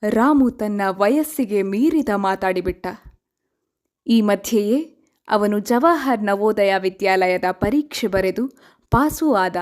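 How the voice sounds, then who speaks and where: A woman narrating a story in a measured, expressive way. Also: mid-range voice.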